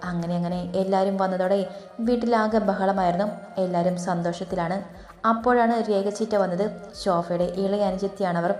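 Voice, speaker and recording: A woman narrating a romantic audiobook story in a steady, even manner. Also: medium pitch, moderate pace. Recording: roomy echo, faint background music.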